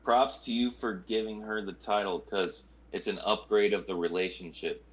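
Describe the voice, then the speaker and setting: A man's voice: on the low side, steady tone, moderate pace, highs cut off, a little hiss or hum. A man co-hosting a casual livestream, teasing the others in a mock-tough way. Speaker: co-host.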